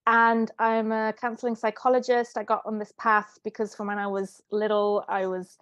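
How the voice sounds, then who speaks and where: A woman's voice: a little high, level tone, normal speed, fairly bright tone, clear, resonant tone, no echo, muffled recording. A woman who grew up in Italy, a guest on an interview, telling her story in an earnest and reflective way. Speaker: guest, life coach. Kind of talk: interview conversation.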